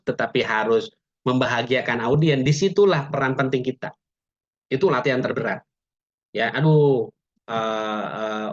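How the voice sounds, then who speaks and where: Chatty male webinar trainer, lo-fi audio. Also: on the high side. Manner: chatty, joking asides, many "ya" tags. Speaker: public speaking trainer. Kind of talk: webinar lecture. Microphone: video call.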